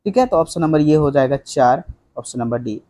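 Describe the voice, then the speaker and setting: A man's voice: on the high side, animated, brisk, dark tone. A young man teaching an exam-prep lesson, working through quiz questions in a chatty way, often saying "ठीक है" and mixing in English words. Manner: conversational, fills with "ठीक है", quizzes students rhetorically, mixes in English.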